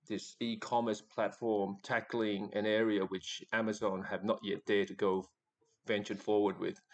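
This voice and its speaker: Man, Australian accent, podcast host, low-ish voice, relaxed, hesitant, lots of ums. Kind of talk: casual podcast interview.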